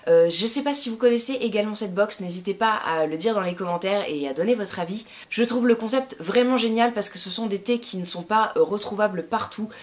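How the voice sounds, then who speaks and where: A woman's voice: medium pitch, fairly quick, hardly any pauses. A young woman chatting enthusiastically as she presents a tea subscription box, with frequent hesitations. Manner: chatty and enthusiastic, many fillers. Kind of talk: casual unboxing vlog.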